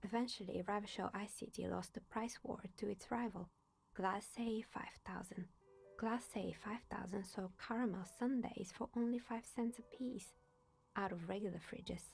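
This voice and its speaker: A woman's voice: medium pitch, steady tone, moderate pace, gravelly, soft background music, lightly acted. A woman voicing a wry older woman in a video game who tells stories in a dry, sardonic, half-whispered way. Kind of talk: voiced game dialogue.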